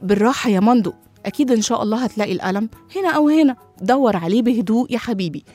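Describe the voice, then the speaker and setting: A woman voicing a patient, gentle mother with an Egyptian accent in a children's story. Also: fairly high pitch, animated, racing, soft background music. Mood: soothing. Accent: Egyptian Arabic. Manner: soothing, patient.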